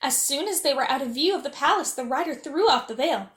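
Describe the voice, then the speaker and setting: A woman reads a children's story in a high-pitched voice at a fairly quick pace, expressive and animated like a princess character at story time, acting out the dialogue. The room adds noticeable echo.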